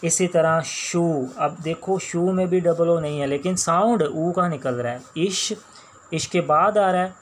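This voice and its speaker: A man with a Pakistani accent teaching a shorthand class, explaining each sound slowly and repeating words as he writes them out. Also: fairly high pitch, a little hiss or hum. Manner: slow, patient, repeats each sound and word. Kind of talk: classroom lecture while writing on a board.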